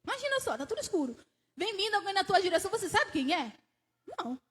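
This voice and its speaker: A woman with a Brazilian Portuguese accent preaching a sermon in a church, telling the story with animated rises and questions to the congregation. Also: very high-pitched, fast. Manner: laughs between phrases. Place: church sanctuary. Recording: church hall with long reverb.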